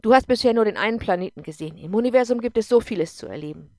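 A woman doing a loud, scornful drunk man. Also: fairly high pitch, expressive, racing, no room sound, studio quality, lightly acted. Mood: angry. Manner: loud, contemptuous, pushing. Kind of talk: audiobook character voice.

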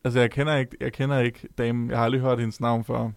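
A man's voice: mid-range voice, flat delivery, gravelly, clear, resonant tone, no echo. A young man chatting casually on a podcast, hesitant and full of filler sounds.

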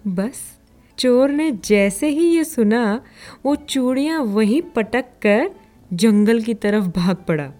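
A woman narrating a children's story in a calm, even storytelling manner. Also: on the high side, slow, faint music behind.

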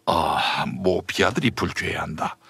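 A gruff, vain old chief minister grumbles in a very deep, dragging voice, as a man puts him on for a satirical period-drama parody. His delivery is slow and weighty, every phrase sinking lower as he complains. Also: pushed and bright, no echo, clean studio sound, full character voice. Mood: sarcastic. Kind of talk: satirical Joseon-era costume parody.

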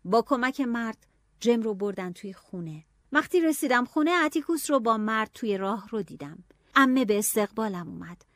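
Female audiobook narrator, expressive, higher pitch, dry close sound. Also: no echo. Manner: expressive, shifting to hushed whispers and anxious cries.

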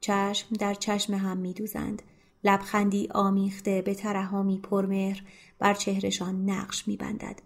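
A woman narrating a literary novel as an audiobook, in a soft, hushed manner that sinks to near whispers. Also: medium pitch, monotone, gravelly.

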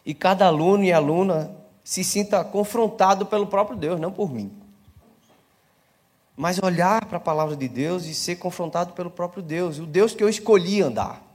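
A man's voice: sits high, normal speed. A male pastor giving a live church sermon, talking conversationally, asking the congregation questions and building to emphatic preaching. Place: church service.

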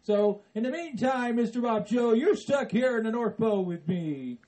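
A man playing a jolly, patient old Santa Claus who talks slowly and soothingly between ho-ho-hos. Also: very high voice, animated, dark tone, low-quality recording. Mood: calming. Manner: slow, soothing, chuckling ho ho ho.

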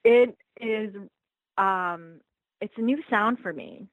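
A woman's voice: mid-range voice, slow pace, no echo, rough recording. Enthusiastic woman singer, dry sound. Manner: enthusiastic, gushing, many fillers. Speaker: singer, interview guest. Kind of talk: casual interview chat.

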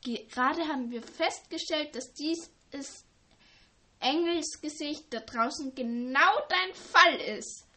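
A woman reading the part of an excited, gossipy teenage schoolgirl in a storybook. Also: sits high, slow pace, full character voice.

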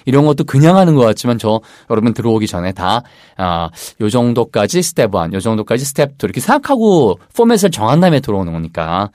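A man with a Korean accent teaching English in a casual lesson, drilling phrases slowly and rhythmically. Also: medium pitch, big pitch swings, a little mellow, no room sound, clean studio sound.

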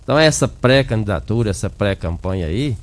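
A male local politician speaks in a radio interview. His voice is fairly low, and he often checks in with short tag questions. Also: lively intonation, brisk. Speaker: politician, city council president being interviewed. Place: radio studio.

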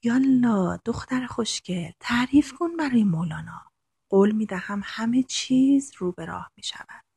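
A woman voicing the gentle spirit of a young woman, soft and coaxing. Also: medium pitch, lively intonation, husky, dry recording. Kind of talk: audiobook narration.

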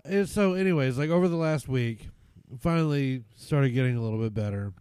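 A man's voice: mid-range voice, a little fast, darkish tone, smooth, no echo. A man co-hosting a casual chat, rambling through a story with lots of filler words. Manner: rambling, many "like" fillers, laughs along. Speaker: podcast co-host.

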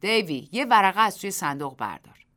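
A woman voicing a brisk male village official, commanding and clipped, in a radio story. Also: mid-range voice, big pitch swings, bright, forceful tone.

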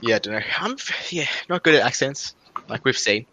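A young Australian man co-hosts a podcast, chatting casually and laughing easily in a laid-back way. His voice is medium-pitched, bright, and forceful, with a sing-song lilt and slightly quick pace. Faint hiss sits in the background.

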